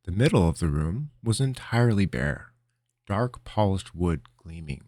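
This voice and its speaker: A man reading his own fantasy fiction aloud in a measured, expressive storytelling manner. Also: deep voice, no room sound, clean studio sound. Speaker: author and narrator.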